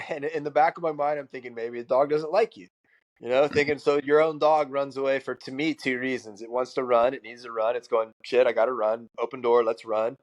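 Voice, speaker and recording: A man's voice: mid-range voice, steady tone, fairly quick. A man hosting a podcast, telling rambling stories in casual chat and swearing freely. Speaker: podcast host.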